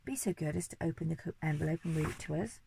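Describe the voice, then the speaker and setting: A woman voicing a polite, gentle male giraffe in a storybook reading. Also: low-pitched, quick pace, gravelly, slight background noise, poor audio.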